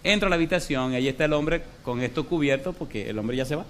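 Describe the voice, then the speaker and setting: A middle-aged man preaches a sermon, telling stories with acted-out dialogue and pressing the congregation with questions. His voice sits somewhat high for a man and moves a lot. A faint hum of noise sits under the recording. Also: fast talker. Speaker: pastor.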